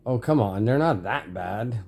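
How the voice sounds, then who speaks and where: A man's voice: lowish voice, animated, measured pace, gravelly, a little mellow. A man voicing a defensive young woman. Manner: pleading, defensive.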